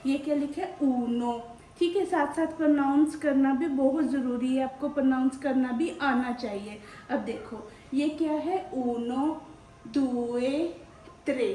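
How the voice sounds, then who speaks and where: A woman's voice: high voice, moderate pace, dark tone. A woman teaching a language lesson, patiently drilling words and asking questions as she goes. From India. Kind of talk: slow teaching with repetition. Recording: echoey room with faint hum.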